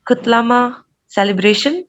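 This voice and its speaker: A woman student reading out a vocabulary list in an online class, halting, with many fillers. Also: on the high side, lo-fi sound. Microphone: video call.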